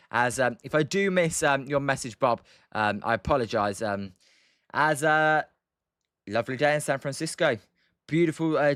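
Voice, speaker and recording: The voice is fairly high and a bit bright, recorded dry with clean studio sound. He's a young British livestreamer talking loosely about a game between chat replies, rambling hesitantly and full of ums and uhs.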